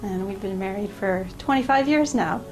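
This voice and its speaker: A woman's voice: mid-range voice, normal speed, darkish tone, rough recording. Woman introducing herself, music underneath. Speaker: interviewee's wife.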